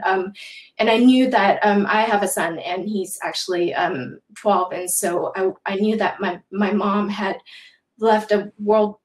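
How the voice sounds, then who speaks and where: A woman from Taiwan, in her thirties or forties, speaking as a guest on a panel. She talks hesitantly and fills pauses with many ums. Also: medium pitch, roomy sound, poor audio. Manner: hesitant, many filler words. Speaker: panel guest, social practice artist. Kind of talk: casual panel talk.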